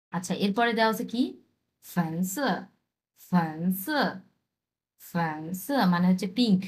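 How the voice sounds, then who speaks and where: A woman teacher walks through new vocabulary one word at a time. She is patient and says each word again slowly so students can drill it. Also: medium pitch. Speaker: Chinese language teacher. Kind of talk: explaining vocabulary in a language lesson.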